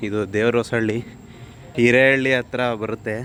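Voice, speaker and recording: A man talks casually to his handheld camera as he walks around a temple with his friends. His voice sits at an ordinary middle pitch and he keeps up a loose, joking patter. Clear outdoor noise runs behind him the whole time. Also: flat delivery, normal speed. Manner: chatty, joking with friends while walking. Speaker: vlogger. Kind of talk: casual travel vlog chat.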